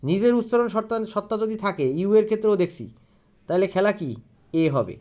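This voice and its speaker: A man's voice: high-pitched, lively intonation, fairly quick, darkish tone. Male tutor. He drills grammar rules by quizzing himself aloud. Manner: asks questions and answers them himself, repeating key words. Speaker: English grammar teacher. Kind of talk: online grammar lesson.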